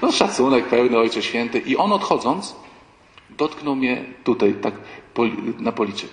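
A male priest giving a sermon-like talk, telling anecdotes with animated storytelling and acting out the people in them. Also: mid-range voice, normal speed. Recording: echoey hall with long reverb, faint background ambience.

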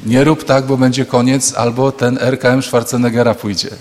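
A male priest preaching a humorous sermon to students, telling lively stories and acting out the voices of the people in them. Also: mid-range voice, normal speed, slight background noise. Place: large hall with an audience. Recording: long hall reverb.

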